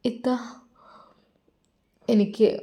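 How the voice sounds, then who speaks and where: A woman's voice: drawn-out words, mellow. A woman voicing a protective grown daughter who speaks firmly and earnestly, with a Malappuram Malayalam accent, in a roomy echo. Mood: tearful, earnest.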